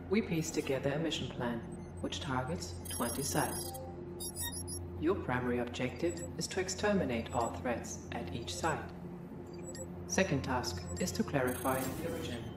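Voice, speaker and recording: A low-voiced female computer system speaks with synthetic processing and a formal, measured calm. It delivers scripted game briefings in an echoing space, with music behind it.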